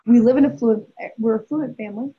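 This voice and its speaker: A woman's voice: a little high, a little fast, husky. A woman in her forties, speaking as a guest and telling a story candidly, with emphasis and frequent restarts. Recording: dull lo-fi audio.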